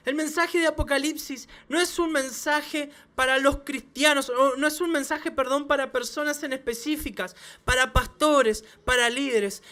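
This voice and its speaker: A man, a pastor, preaching a sermon to his church with emphatic repeated phrases and quick restarts. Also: very high-pitched, bright, forceful tone. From Chile. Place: church service.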